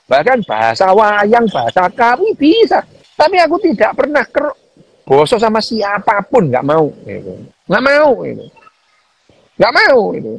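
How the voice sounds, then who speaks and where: Animated man, lively pitch. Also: unhurried, creaky, dry recording, low-quality recording. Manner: animated, mixing Javanese phrases, repeats "gitu". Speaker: neuroscientist guest on a live chat. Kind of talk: casual livestream chat.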